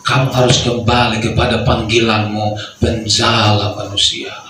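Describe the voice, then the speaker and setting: A man preaching who voices Jesus as a calm male teacher, gently questioning and at times calling out with passion. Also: lowish voice, unhurried, background noise. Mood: impassioned. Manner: gently questioning, then impassioned shouting. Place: church hall. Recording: echoey hall, voice from far off.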